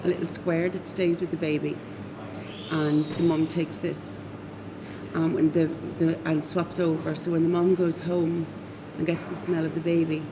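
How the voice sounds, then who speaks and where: Low, even-voiced Irish woman, noisy background. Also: moderate pace. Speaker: knitting group activist. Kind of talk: casual explanatory interview.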